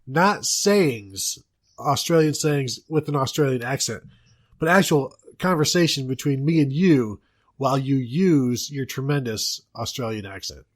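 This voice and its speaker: A man's voice: mid-range voice, expressive, a little slow. A man with an American accent hosting a casual sports podcast, joking and rambling through asides. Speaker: podcast host.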